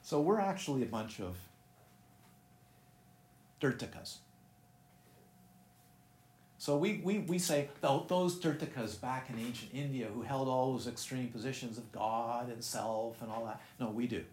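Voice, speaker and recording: It's a dharma talk in a busy room, echoey and with faint ambient noise. The man's medium-pitched, darkish voice moves a little slowly and pauses often as he teaches meditation in a rambling, casual way, breaking off to ask his listeners questions.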